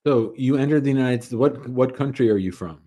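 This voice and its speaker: A man's voice: medium pitch, fairly quick, warm tone. A middle-aged man hosting an immigration advice call-in show over a video call, methodically recapping the caller's facts step by step. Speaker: immigration lawyer and show host. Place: home office. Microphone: webcam on a video call.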